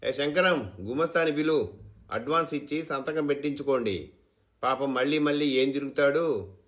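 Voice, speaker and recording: Man doing a domineering landlord, harsh, commanding, pitched up. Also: normal speed, a bit bright, lightly acted. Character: rich domineering landlord, middle-aged man.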